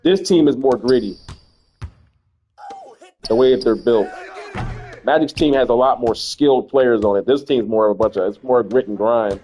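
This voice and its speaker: A man's voice: medium pitch, moderate pace, long pauses, dark tone, soft background music. Laid-back man rambling over gameplay. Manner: laid-back, rambling, repeats words as he thinks. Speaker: gaming streamer. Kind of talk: casual gameplay commentary.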